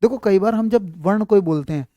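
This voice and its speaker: At a board during a live online class, a man takes students through Hindi letters and sounds, going over points repeatedly, often asking if they're following, and calling them child with affection. The voice is dark and mellow but sits high, fairly quick, recorded close and dry with no echo.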